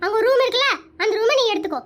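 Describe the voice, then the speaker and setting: A voice actor doing a loud, nosy cartoon aunt. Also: very high-pitched. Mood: bossy. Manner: loud, scolding, nosy and fast. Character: bossy talkative middle-aged aunt. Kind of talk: animated cartoon voice acting.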